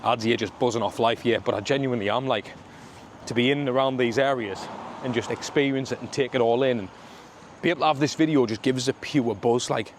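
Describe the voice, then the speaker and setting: Street and traffic sounds surround a male travel vlogger whose medium-pitched voice moves fast as he strolls a wet suburban street. Born in Sunderland in north-east England, he chats to camera in a matey way with lots of local slang.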